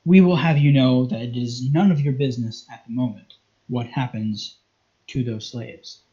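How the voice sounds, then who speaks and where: A man voicing a cold, dismissive imperial chancellor in a tabletop game, speaking slowly and formally, on a muffled lo-fi recording. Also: mid-range voice, warm tone, close to an everyday voice. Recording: muffled lo-fi audio.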